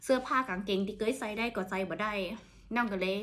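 A woman with a Northern Thai accent chatting casually to camera as a vlogger, repeating words and dropping soft "mm" fillers. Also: mid-range voice, fast talker. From Northern Thailand.

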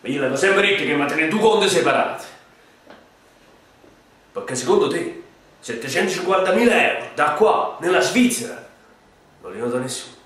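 A man playing a menacing, hot-tempered Camorra boss with a Neapolitan accent in an acted crime-drama monologue, swinging between muttering and shouting. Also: on the high side, expressive, brisk, pauses often. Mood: angry. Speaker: actor in an audition self-tape. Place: small bare room indoors. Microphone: camera mic at a distance. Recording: echoey room, distant mic, faint hiss.

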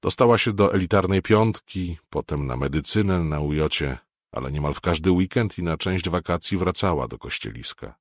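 A man from Poland reading a novel aloud as an audiobook narrator, measured and expressive. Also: deep voice, dry recording, clean studio sound.

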